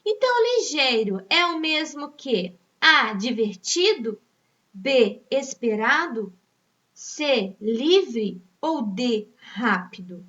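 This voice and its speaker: High-voiced Brazilian woman teacher, distant and dull. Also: expressive, pushed and bright. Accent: Brazilian Portuguese. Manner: patient, drawn-out answer options, checks in with "tá?". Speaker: primary school teacher. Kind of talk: reading a test aloud to young pupils.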